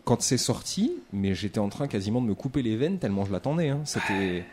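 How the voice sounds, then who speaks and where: Animated French man enthusing in chat. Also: fairly low pitch, fairly quick.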